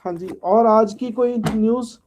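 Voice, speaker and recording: A man's voice: high voice, a little slow, noisy background. A male teacher, giving a casual online lecture and answering student chat, often saying "okay" and "yes". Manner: casual, repeats "ठीक है" and "हाँ जी" often.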